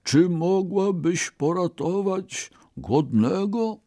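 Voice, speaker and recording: A frail old beggar pleads for food in a weak, quavering voice that climbs high and thin. A man voices him in a storybook reading. He drags out each word slowly, and the sound is close and dry. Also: expressive, mellow, no room sound, exaggerated voice. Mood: pleading. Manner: slow, pleading, plaintive. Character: frail old male beggar, a disguised god.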